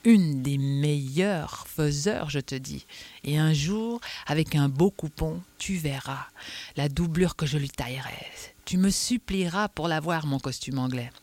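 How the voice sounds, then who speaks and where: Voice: a little slow, natural voice. A reader doing a proud old tailor. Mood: coaxing. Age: older. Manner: chatty, stubborn, lively pitch jumps. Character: old male tailor, down on his luck, proud. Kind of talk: audiobook reading.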